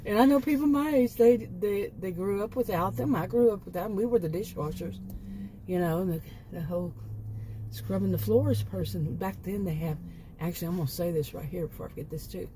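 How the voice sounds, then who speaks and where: A woman's voice: mid-range voice, fairly quick, mellow, a little hiss or hum. A woman in her late fifties chatting casually in a rambling vlog, often correcting herself and chuckling at her own asides. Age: 50s. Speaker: homemaking vlogger.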